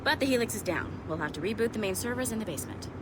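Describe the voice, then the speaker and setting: An actress playing a brisk, sardonic young tech contractor who swears, in a video game. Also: female voice, mid-range voice, expressive, noisy background, close to an everyday voice. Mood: wry.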